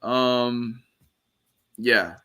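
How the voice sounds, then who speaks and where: Calm, even-toned man making his picks. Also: mid-range voice, very slow, smooth. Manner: calm, even, called monotone. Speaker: podcast co-host. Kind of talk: sports debate.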